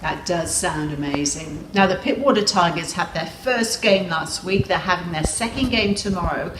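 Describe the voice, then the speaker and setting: A woman's voice: on the low side, moderate pace, close to an everyday voice. Woman playing parody news anchor, echoey, noisy recording. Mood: formal, presenting. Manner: parody news anchor delivery, formal presenting. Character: female parody TV news anchor, upbeat and formal. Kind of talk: mock newscast. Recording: roomy echo, clear background noise.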